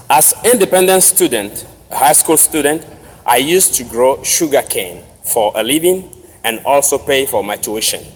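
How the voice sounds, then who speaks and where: A man from Togo with a Togolese accent gives a formal commencement speech with personal storytelling, speaking deliberately in short, separated phrases. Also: mid-range voice. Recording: noisy, reverberant large hall ambience.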